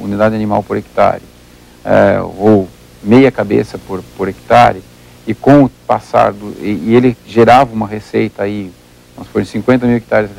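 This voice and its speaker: Brazilian man, researcher guest, gravelly husky voice, methodical explainer. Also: lowish voice, a little mellow, low-quality recording. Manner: methodical, repeats words while thinking, works through examples. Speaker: livestock researcher, interview guest. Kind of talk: explanatory interview talk.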